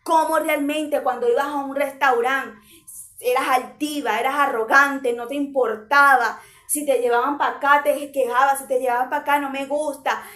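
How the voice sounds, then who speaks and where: A woman's voice: sits high, steady tone, normal speed, fairly bright tone, echoey room. A woman preaching a sermon, hammering her point home in short, repeated parallel phrases.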